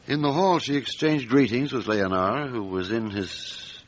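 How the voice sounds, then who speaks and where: A man playing a calm, middle-aged French police chief inspector in a radio drama, speaking in a measured, deliberate, matter-of-fact way. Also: medium pitch, lightly acted, poor audio. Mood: deliberate reporting.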